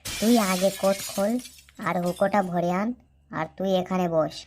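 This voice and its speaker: This woman performs comedy cartoon dialogue for multiple characters, using a lowish, steady voice at a moderate pace. Loud music plays behind her lines.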